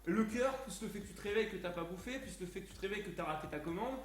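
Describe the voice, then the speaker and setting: A man streaming live, telling a story casually in an animated, crude way with lots of fillers. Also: high-pitched, rapid-fire. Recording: roomy echo, faint music.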